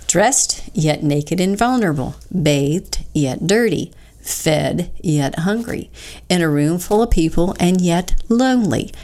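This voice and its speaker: Woman, devotional co-host, fervent, earnest, scripture reading, fairly low voice. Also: expressive, slow, a little mellow. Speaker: co-host of a recovery devotional show.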